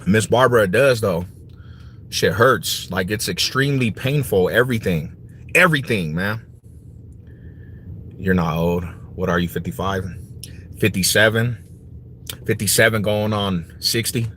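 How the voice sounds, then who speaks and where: A man in his forties hosts a casual livestream, chatting in slang and repeating his phrases as he answers viewers. His voice is fairly low and fairly bright, at a measured pace with long pauses, and background noise is noticeable.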